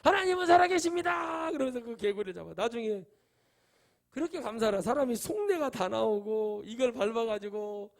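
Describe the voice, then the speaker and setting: A middle-aged man preaching from the pulpit in a notably high voice. His delivery jumps from hushed, nearly whispered asides to loud, forceful exclamations. He acts out the voices of the people in his stories. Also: lively intonation, moderate pace, gravelly. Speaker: pastor. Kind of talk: sermon.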